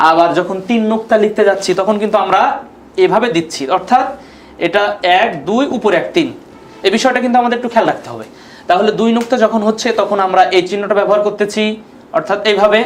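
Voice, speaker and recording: A man with a high voice gives an online grammar lesson. He goes over each word patiently and says it again and again. His voice rings in an echoey room with a faint hiss behind it. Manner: patient, repeats words slowly for students to follow. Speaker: Arabic grammar teacher.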